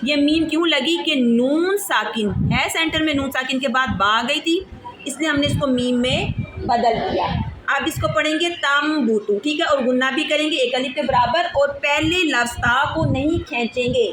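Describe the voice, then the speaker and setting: A high-pitched woman from Pakistan leads a one-on-one recitation lesson, asking patient questions and drawing syllables out slowly to show how they sound. The recording is echoey, with background noise clearly heard throughout. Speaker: Quran recitation teacher.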